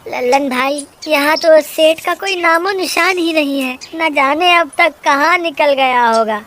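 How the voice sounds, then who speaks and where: A woman's voice: high voice, measured pace, fairly bright tone. A woman voicing a panicky, bossy village trickster man in a cartoon, who wails and whines. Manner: whiny, panicky wailing. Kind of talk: Hindi cartoon voice acting.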